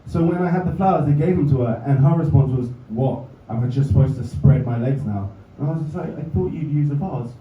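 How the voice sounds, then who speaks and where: Speaking at medium pitch, a little fast and with few pauses, a young man from England runs a stand-up set of dry, self-mocking remarks. The comedy club recording is distant, roomy and slightly dull, with background noise and the audience laughing.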